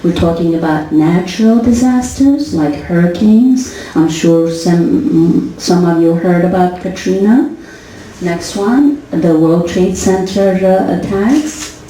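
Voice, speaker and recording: Slow, deliberate woman lecturing in a hall. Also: on the low side, animated, warm tone. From Syria. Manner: deliberate, halting with fillers. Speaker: psychologist giving a lecture. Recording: echoey hall from far off, faint noise.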